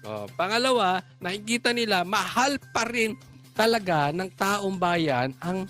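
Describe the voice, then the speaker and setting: A man reacts to political clips with biting mockery, tossing out rhetorical questions. His voice sits high and swoops animatedly. Soft music hums faintly underneath. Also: sing-song, a little slow. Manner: mocking, sarcastic rhetorical questions. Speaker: reaction video commentator.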